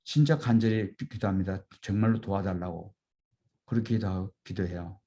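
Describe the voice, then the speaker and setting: Middle-aged male pastor, low mellow voice, earnest storytelling sermon. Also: moderate pace, muffled recording. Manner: earnest, vivid retelling of martyr stories.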